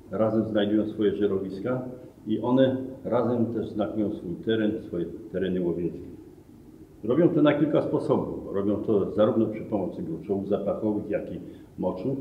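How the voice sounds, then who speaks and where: A middle-aged man with a lowish voice explains animals as a museum guide, patiently and step by step. He stands a few meters from the camera in a museum hall, so the sound is roomy and distant. The recording is thin and phone-like, with faint noise. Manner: explanatory, with self-corrections. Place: museum hall among glass display cases. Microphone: camera a few meters away.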